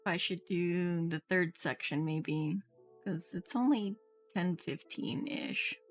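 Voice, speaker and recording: A woman streamer chats casually while gaming on a livestream, musing aloud in loose, unfinished thoughts. Her voice sits on the low side and she speaks slowly, with game music in the background.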